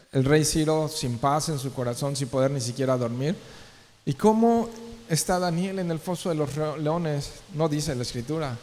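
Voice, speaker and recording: A man's voice: mid-range voice, darkish tone, a little hiss or hum. A male pastor giving a verse-by-verse sermon, talking to the congregation conversationally and often asking rhetorical questions. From Mexico. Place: church sanctuary. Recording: long church reverb.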